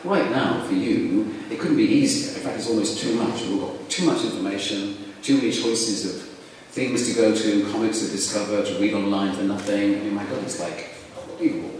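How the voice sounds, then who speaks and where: A man's voice: lowish voice, fairly quick, few pauses. Echoey, chatty southern English man on stage. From Essex, England. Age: middle-aged. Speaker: comics curator and panel speaker. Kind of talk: live on-stage conversation. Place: large echoey room, public festival talk. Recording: echoey hall from far off, faint noise.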